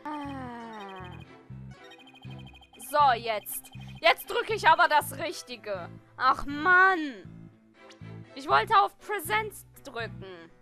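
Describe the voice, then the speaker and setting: A woman's voice: high voice, sing-song, takes it slowly, bright, forceful tone, faint music behind. A woman commenting casually on her gameplay, self-mocking and exclamatory. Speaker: let's play gamer.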